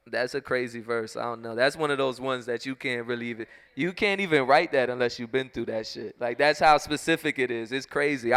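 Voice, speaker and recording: A man's voice: medium pitch, a bit bright, clean tone. A young man, a recording artist, chatting casually between album tracks in a slangy, laid-back, rambling way.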